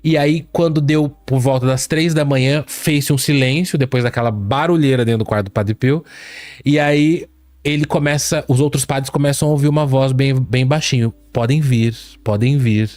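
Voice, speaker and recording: A man's voice: moderate pace, no room sound. Man retelling eerie stories, dry close mic. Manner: animated retelling, drops voice low for eerie quotes. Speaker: podcast host. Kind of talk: casual storytelling chat.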